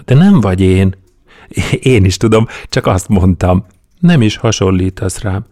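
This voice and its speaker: Flustered, stammering man, read by a male storyteller, low-pitched. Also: expressive, warm tone, dry recording, clean studio sound. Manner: hesitant, stammering. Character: flustered, awkward hungover man.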